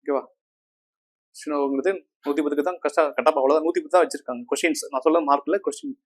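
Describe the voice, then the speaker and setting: A man's voice: on the high side, fairly even intonation, fast. A man teaching a Tamil grammar class, repeating key terms and often asking the students if they follow. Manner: asks the class frequent checking questions; repeats terms and counts on fingers.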